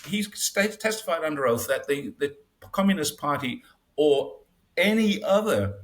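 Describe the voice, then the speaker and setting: Appearing as an interview guest, a man offers casual, wry commentary in a conversational way. His voice is a little high with a fairly bright tone, and he acts out quotes, punctuating them with short laughs.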